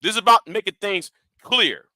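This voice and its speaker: A man with a high voice and a hard, sharp edge, ranting in a commentary vlog. He swears freely, stumbles over repeated words and talks straight at his critics. The sound is dry and close. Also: lively intonation, moderate pace, dry recording. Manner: confrontational and profane, repeats and restarts words; challenging his audience directly. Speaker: YouTube commentator.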